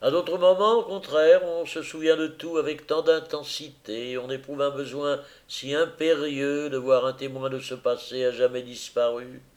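A man's voice: mid-range voice, steady tone, normal speed, hardly any pauses, close to an everyday voice. A man reading aloud as a troubled, rambling middle-aged widower. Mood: wistful.

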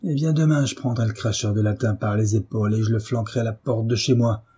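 A man's voice: medium pitch, normal speed, mellow, breathy edge, close to an everyday voice. A man doing a furious drunken brute of a husband. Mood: bullying. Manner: bullying, blustering threats.

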